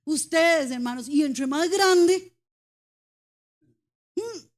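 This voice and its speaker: A woman's voice: high-pitched, expressive, drawn-out words. A woman preaching a sermon in church, emphatic and direct, often calling out to her listeners as brothers and sisters. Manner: emphatic, repeatedly addresses the congregation as brothers; speaks as a mother, mentions her daughters.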